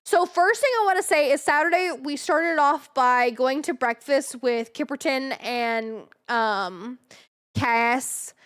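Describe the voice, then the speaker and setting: A woman's voice: high voice, slow pace, a bit bright, clear, resonant tone. A woman chatting casually on a livestream as a variety game streamer, with a bubbly, cute anime-streamer delivery.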